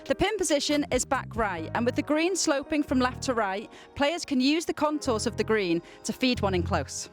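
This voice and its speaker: A woman's voice: high-pitched, animated, normal speed, hardly any pauses, soft background music. A woman giving scripted, explanatory narration as a golf presenter, describing how a hole plays.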